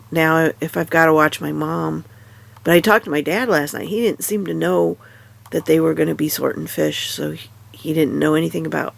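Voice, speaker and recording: Woman vlogging from bed, stuffy nose, sleepy, gravelly creaky voice, halting rambling chat. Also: deep voice. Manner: rambling, halting, many fillers and restarts. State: tired, half awake. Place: in bed at home.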